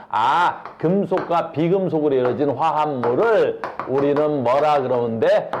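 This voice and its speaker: A man teaching a high school science class in a classroom, constantly asking his students questions as he explains. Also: a little mellow.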